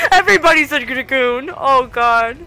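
Woman streamer, high and bright, slow-paced and excitable, laughs a lot. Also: some chatter behind, rough recording. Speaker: streamer hosting a group game session. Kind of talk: casual chat with friends over voice chat.

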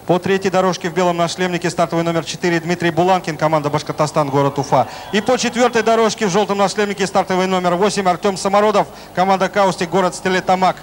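High-pitched man commentating over engine noise. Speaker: sports commentator. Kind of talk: live race commentary. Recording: noisy outdoor track, engine noise behind. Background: motorbike engines and outdoor ambience.

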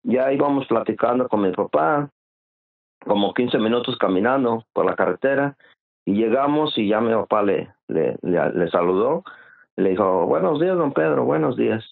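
A man, a guest telling his own story in an interview, halting and often repeating words as he goes. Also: on the low side. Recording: tinny phone-like line.

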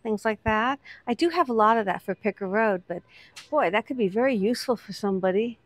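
A woman's voice: medium pitch, animated, fairly quick, no room sound. A woman hosting a vlog, chatting casually as she points out items on shop shelves one by one. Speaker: vlog host, reseller. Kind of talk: casual commentary while browsing a shop.

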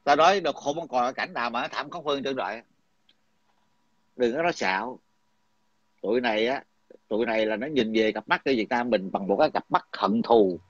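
A man's voice: medium pitch, expressive, a little fast, pauses often, slightly rough, no room sound. A middle-aged man, talking in a heated, coarse and combative way, repeating himself. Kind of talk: heated casual talk. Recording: dull lo-fi dry sound.

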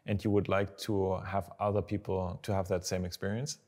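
Male host, lowish voice, upbeat, asks short interview questions with encouragement. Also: level tone, darkish tone. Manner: upbeat, quick with encouraging backchannels. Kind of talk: casual interview. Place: dark studio, indoors.

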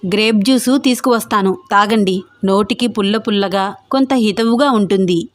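A woman doing a gentle old house maid. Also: medium pitch, moderate pace, no echo, natural voice. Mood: coaxing. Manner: gentle, coaxing. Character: caring older maid of the house.

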